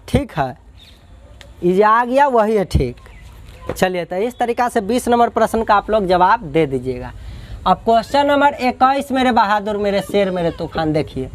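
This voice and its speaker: A man's voice: very high-pitched, slight background noise. A male math teacher from Bihar, taking students through exam questions step by step and cheering them on as his brave lions. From Bihar, India. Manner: addresses students as "my brave ones, my lions", drills and asks back. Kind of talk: exam-prep math lesson.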